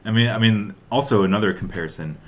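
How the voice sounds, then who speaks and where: A young adult man co-hosts a podcast, rambling enthusiastically about games and films with hesitant phrasing. He talks fast in a lowish voice.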